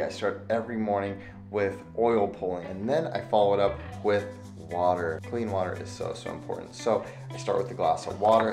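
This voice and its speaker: A man in his thirties vlogging in a casual chat with a raspy morning voice, upbeat and energetic, filmed in a home kitchen. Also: lowish voice. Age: 30s. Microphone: handheld camera mic. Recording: long reverb, faint music behind.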